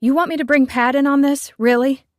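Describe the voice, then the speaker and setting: A woman's voice: sits high, steady tone, brisk, no echo, studio quality, voice pushed up, natural voice. Woman doing a fiery, bossy little chef. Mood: defiant. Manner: raised, sharp and emphatic. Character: petite fiery female chef, bossy and teasing.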